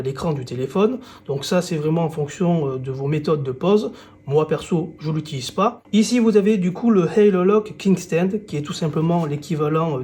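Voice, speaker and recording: A man presenting and unboxing phone accessories in a casual, relaxed way, with frequent fillers. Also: fairly high pitch. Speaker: tech reviewer.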